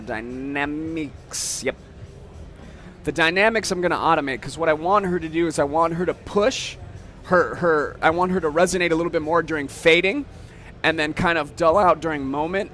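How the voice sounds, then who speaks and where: Casual man demoing software. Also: on the high side. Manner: casual, explains step by step, frequent "okay?". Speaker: software demonstrator. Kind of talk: casual product demo. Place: trade show floor.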